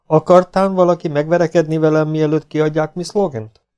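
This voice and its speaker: A man's voice: fairly high pitch, fairly even intonation, a little mellow, clear, resonant tone, pitched above the performer's own voice, close to an everyday voice. Cocky outlaw gunslinger, mocking, self-assured, voiced by a man reading a novel.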